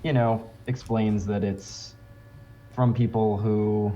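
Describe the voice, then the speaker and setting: A low, mellow male voice, heard through somewhat dull, muffled audio. He is a guest on a podcast and talks in halting, searching phrases, often trailing off. He laughs nervously when he gets stuck. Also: steady tone. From United States. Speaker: record label co-founder, guest. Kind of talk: casual podcast interview.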